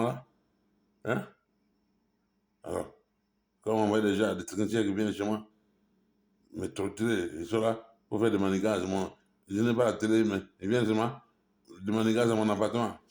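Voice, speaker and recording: A man's voice: on the low side, a little mellow. A middle-aged man ranting in a rambling monologue, agitated and repetitive, often breaking off with "hein?" and slipping between French and English. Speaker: vlogger. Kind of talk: rambling direct-to-camera monologue.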